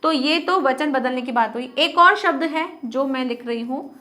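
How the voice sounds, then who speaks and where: A young woman teacher explaining a Hindi grammar lesson, asking questions and answering them herself, repeating words slowly to model how they sound. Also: high voice, bright, forceful tone.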